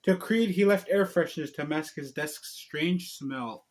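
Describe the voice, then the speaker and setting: At a measured pace, a man with a higher-than-usual voice talks casually to his video audience. He then reads a storybook aloud in an informal, somewhat halting amateur manner.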